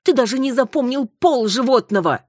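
A woman doing a shrill, hysterical jealous wife. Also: normal speed, husky, no echo, clean studio sound. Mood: reproachful. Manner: shrill, accusing, near tears.

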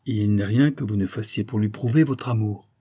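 A man's voice: on the low side, moderate pace, dark tone, slightly rough. A man playing a cunning, knowing adventurer. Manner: knowing, insistent, commanding. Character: cunning disguised adventurer, sure and mysterious.

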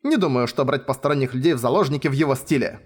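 A man voicing a cocky, sharp-tongued young sorceress who speaks curtly and sarcastically. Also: medium pitch, very fast, husky, lightly acted. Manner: curt, sarcastic.

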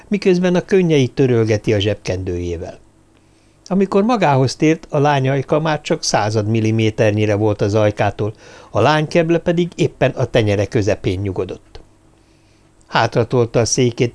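Expressive male audiobook narrator. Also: mid-range voice. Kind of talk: scripted narration.

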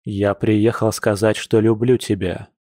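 A man voicing a tender, persuasive werewolf man in an audiobook, talking slowly and softly. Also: on the low side, little pitch movement, dry recording, clean studio sound. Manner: slow, soft, coaxing.

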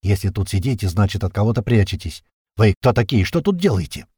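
A man voicing a battered, burly, swearing man with a hoarse, hissing voice who barks rough orders. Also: fairly low pitch, big pitch swings, fairly quick, a little mellow, dry recording, clean studio sound. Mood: barking, demanding.

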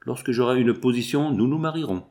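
A man's voice: mid-range voice, fairly quick, a little mellow, natural voice. A man voicing a discouraged young male draughtsman, poor and proud, read in a weary, wounded way in an audiobook. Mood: weary, hurt.

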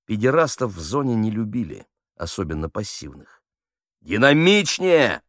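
A man narrating a novel in a measured, expressive reading. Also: sits low, no room sound, clean studio sound. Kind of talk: audiobook narration.

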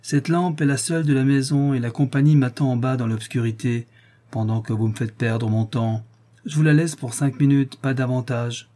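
A man reading an audiobook, voicing a sinister male jailer who speaks gruffly and mockingly. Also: mid-range voice, fairly even intonation, normal speed, mellow, lightly acted. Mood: surly, mocking.

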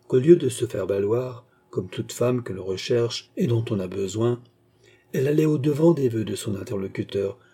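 A man narrating a classic novel with a husky, slightly breathy voice. His tone is dark and mellow rather than bright. He reads in a measured, declamatory way, like a literary audiobook. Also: mid-range voice.

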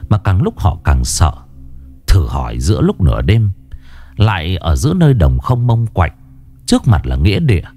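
A man narrating a ghost story in an expressive, dramatic way. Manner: expressive, swinging pitch. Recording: narration over background music.

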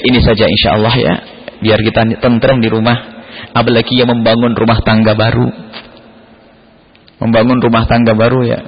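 A man preaching a sermon in a lively storytelling manner, acting out family members as he goes. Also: medium pitch, creaky, slightly rough. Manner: animated storytelling, acts out family members in quotes. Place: mosque gathering hall. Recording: echoey hall, dull lo-fi sound.

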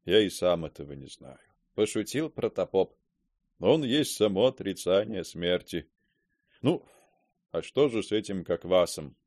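A man playing an elderly, gentle, wise archpriest in a radio play, speaking calmly and indulgently. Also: low-pitched, a little slow, no room sound, studio quality, heavily acted. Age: older.

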